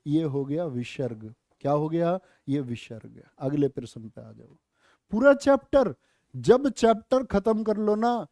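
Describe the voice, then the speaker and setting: High-voiced male Hindi teacher drilling sounds. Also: dark tone, no echo, studio quality. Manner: quizzing students with rhetorical questions, friendly jokey asides; drawn-out, careful pronunciation drills. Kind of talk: online exam-prep lesson.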